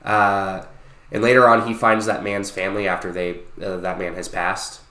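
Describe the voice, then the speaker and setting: A man in his late twenties co-hosting a podcast, retelling a game story in a casual, animated way and swearing freely. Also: low-pitched, normal speed, roomy sound. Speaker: podcast co-host. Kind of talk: casual chat.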